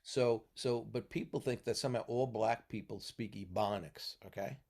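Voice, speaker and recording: In a casual podcast conversation, a New Yorker from the US Northeast plays the mentor, explaining at length in a lecturing way and following his points with "okay?". His voice is fairly low and a little mellow, at a moderate pace.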